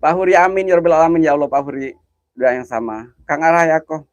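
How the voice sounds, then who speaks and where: A nervous man with a lilt hosts a live ghost-hunting stream outdoors at night, greeting viewers and muttering prayers. His voice sits a little high for a man. The sound is dry and close, as if from a phone held near his mouth. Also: quick pace, no room sound, lo-fi sound. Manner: jumpy, chatty, greets viewers by name, nervous exclamations. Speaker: livestream host.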